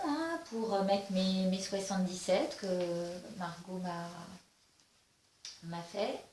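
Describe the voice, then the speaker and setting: A woman giving a casual spiritual oracle card reading, slow and halting with many fillers and restarts. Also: medium pitch. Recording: echoey room with faint noise.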